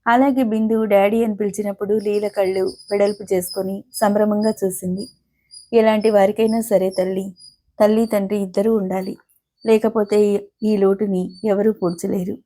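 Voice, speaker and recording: A woman narrating an audio novel in a steady, unhurried storytelling manner. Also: mid-range voice.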